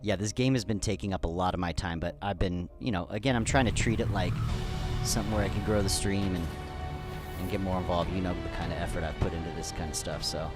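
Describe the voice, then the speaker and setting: A man's voice: deep voice, fairly even intonation, quick pace, loud music behind the voice. A man streaming a game live, chatting casually and rambling, with a slightly dry throat. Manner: chatty, rambling, many restarts.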